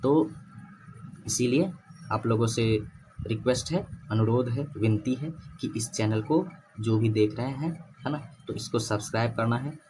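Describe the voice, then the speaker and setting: Guy teaching number places, mid pitch, asks then answers himself, slight noise behind. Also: a little slow, a little mellow. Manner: repetitive, asks and answers own questions. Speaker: maths teacher. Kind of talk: classroom-style lecture.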